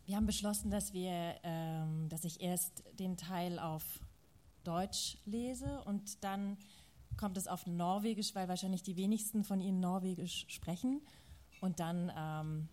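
A woman reading a novel excerpt aloud at a public reading, dramatic and building to loud, shouted passages. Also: lowish voice, a little slow. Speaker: reader at a public literary reading.

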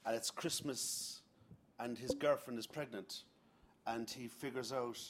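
A man, the author at a reading, casually summing up his story in a loose, conversational way with quick self-corrections. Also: mid-range voice, steady tone. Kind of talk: casual spoken summary at a reading.

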